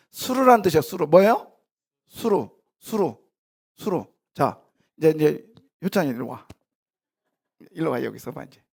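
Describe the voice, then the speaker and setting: High-voiced pastor questioning his flock. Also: creaky. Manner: animated, questions the congregation directly; casual, half-informal banter with congregants. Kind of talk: conversational sermon with live demonstration. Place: church sanctuary.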